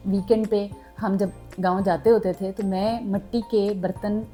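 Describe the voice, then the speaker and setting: A young woman vlogger from southern Punjab, Pakistan, chats casually with her subscribers, sprinkling in English words and plenty of fillers. Her mid-range voice is mellow and unhurried with fairly even intonation, and soft music plays in the background.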